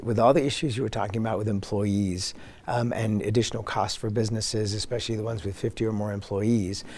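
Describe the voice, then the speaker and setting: A man with a deep, croaky, froggy voice, speaking as the host of a broadcast interview show. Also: darkish tone, a little hiss or hum.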